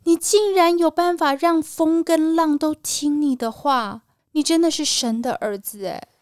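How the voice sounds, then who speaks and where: A woman's voice: high-pitched, a little slow, no room sound, studio quality, voice pushed up. A woman voicing a group of terrified male fishermen disciples in a children's Bible story, shrieking in alarm. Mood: amazed.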